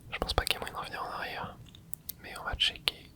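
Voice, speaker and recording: In this ASMR let's play, a gaming creator talks fast in an entirely breathy, unvoiced whisper. The commentary stays soft and casual, made up of brief remarks and small interjections.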